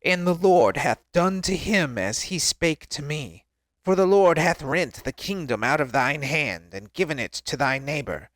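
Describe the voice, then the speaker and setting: A man voicing an undead old male prophet, slow and solemn, with a strained throaty growl. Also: a little high, fairly bright tone, dry recording, voice pushed up.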